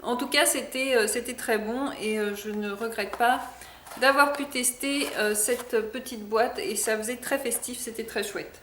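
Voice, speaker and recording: A woman's voice: fairly high pitch, steady tone, unhurried, a bit bright, roomy sound, slight background noise. A woman chatting casually in a product review vlog, hesitant with many fillers. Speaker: vlogger.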